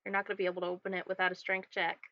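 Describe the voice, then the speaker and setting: A woman's voice: fairly low pitch, completely flat delivery, rapid-fire, dry recording. Woman game master, dull lo-fi sound. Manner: casual, explains actions step by step. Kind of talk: narrating a tabletop game.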